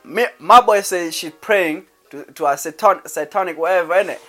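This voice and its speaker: A man's voice: high-pitched, moderate pace, fairly bright tone, soft background music. A man hosting a podcast, telling casual stories in a rambling way with lots of restarts and slang tags. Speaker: podcast host. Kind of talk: casual chat.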